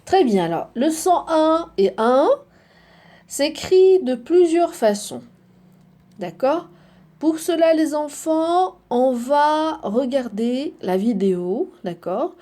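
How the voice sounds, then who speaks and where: A woman's voice: high-pitched, warm tone. A woman teacher giving a phonics lesson to children, spelling out letters, repeating each word and often checking in with the kids.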